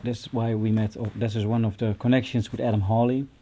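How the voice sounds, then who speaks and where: A guest pianist in his forties answers casually in an interview inside a music studio with a stage setup. Born in Colombia and based in the Netherlands, he speaks with a Dutch accent. His lowish voice is warm and fairly quick, with little pitch movement.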